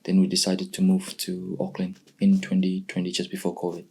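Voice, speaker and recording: A Pakistani man in his twenties, a youth programme participant who doesn't speak English natively, tells his own story casually. His low voice is monotone, fairly quick, creaky and mellow, with a breathy edge.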